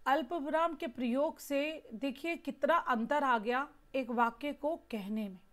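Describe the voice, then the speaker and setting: Slow, high-voiced woman teaching grammar. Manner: explains patiently with everyday examples. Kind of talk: classroom lecture.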